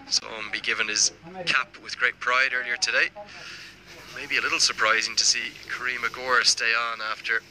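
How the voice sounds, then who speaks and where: Bright-voiced male cricket commentator. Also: medium pitch, a little hiss or hum, poor audio. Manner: reads viewer messages aloud.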